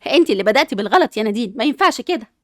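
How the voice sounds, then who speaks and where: A woman's voice: a little high, animated, racing, fairly bright tone, dry recording, clean studio sound. A woman with an Egyptian accent playing a cheerful, doting mother who talks in a bubbly way.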